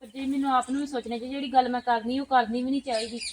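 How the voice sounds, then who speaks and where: A woman playing a childless village woman who halts and pleads softly with her sister-in-law for a son. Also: high voice, steady tone, lightly acted. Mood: pleading. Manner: pleading, halting, soft-spoken. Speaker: sister-in-law's visitor. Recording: loud background noise, crows cawing.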